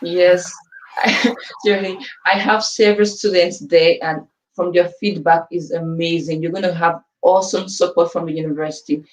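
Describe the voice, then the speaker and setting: A woman's voice: on the low side, steady tone, normal speed. A woman from Nigeria with a Nigerian accent, a student advisor talking animatedly and laughing often in a live Q&A. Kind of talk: live Q&A chat. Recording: roomy sound from far off the mic.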